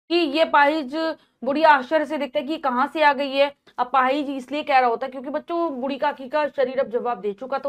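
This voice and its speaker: A woman teacher who reads a play to her pupils and explains each line in plain words. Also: high-pitched.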